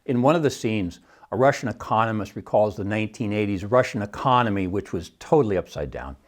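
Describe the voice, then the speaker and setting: With a lowish, expressive voice and a brisk pace, a middle-aged economics teacher hosts his solo podcast. He comes across as wry and scoffing, frequently chuckling at what he's just said.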